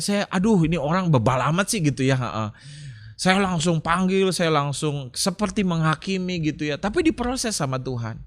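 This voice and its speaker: A middle-aged man who is a pastor, preaching a sermon and telling personal stories to the congregation. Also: a little high. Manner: storytelling, animated when telling anecdotes; addresses congregation as Bapak Ibu.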